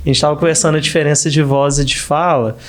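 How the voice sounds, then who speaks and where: A man's voice: fairly high pitch, steady tone, fast. A Brazilian man, a psychologist hosting a podcast, talking casually with hesitant restarts.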